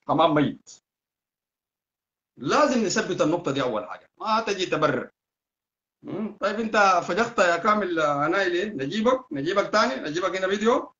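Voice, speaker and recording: Sudanese guy ranting fast on a live stream, kinda high voice, muffled lo-fi audio. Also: a bit bright. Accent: Sudanese Arabic. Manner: fast, heated, insulting, repetitive. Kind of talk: heated political live-stream rant. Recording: dull lo-fi sound.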